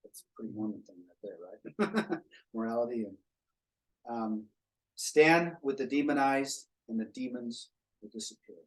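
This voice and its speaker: A man presenting to a small faith gathering, reflective, quoting writers and pausing often. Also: medium pitch, low-quality recording. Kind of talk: informal group talk.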